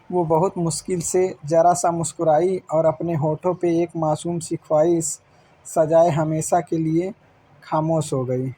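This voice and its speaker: Male storyteller, even-toned, dark warm voice, slightly high. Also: husky, poor audio. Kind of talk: scripted narration.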